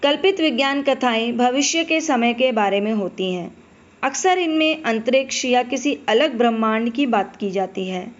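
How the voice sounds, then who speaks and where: In a muffled recording, a woman whose voice is a little high teaches Hindi to primary schoolchildren. She addresses them patiently and answers the questions she puts to them.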